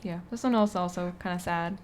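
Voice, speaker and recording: A woman co-hosting a podcast, chatting casually about movies in a soft, hedging way. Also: lowish voice, brisk, a little hiss or hum. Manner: soft-spoken, trails off, hedging. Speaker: podcast co-host. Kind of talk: casual movie review chat.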